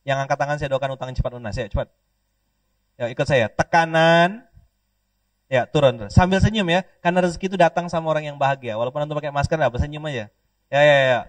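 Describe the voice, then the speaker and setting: A man from Pontianak, Indonesia, preaching a lively sermon, joking and leading call-and-response with the audience. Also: on the high side, fast talker, no echo. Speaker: Islamic preacher. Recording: dry, distant mic.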